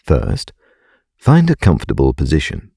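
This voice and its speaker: A man narrating a scripted guided meditation in a calm, gentle, soothing and unhurried way. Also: extremely low pitch, creaky, husky, no room sound, studio quality.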